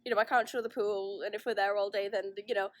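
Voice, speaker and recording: Holding her phone to film a holiday vlog, this young woman talks fast in a steady, medium-pitched voice. She rambles, makes self-deprecating remarks, and keeps starting over, and the recording carries that phone-video sound with no room ambience.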